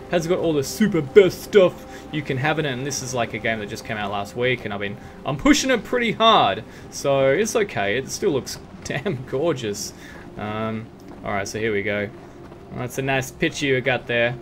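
A man commentating while he plays a video game, excitable and jokey, often laughing and shouting at the game. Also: medium pitch, normal speed, a little hiss or hum. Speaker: gaming video host. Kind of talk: let's play commentary. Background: game music and gunfire.

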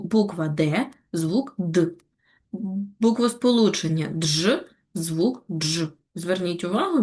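Patient woman teaching young children. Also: medium pitch. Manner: patient, step-by-step explaining with gentle reminders. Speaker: primary school teacher. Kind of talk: online Ukrainian lesson for children.

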